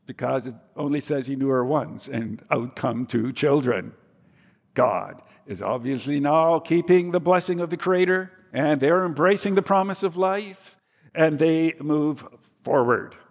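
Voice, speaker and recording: A man preaching a sermon, swinging between soft, low passages and emphatic, rising ones. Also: gravelly. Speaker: pastor. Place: church. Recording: reverberant church hall.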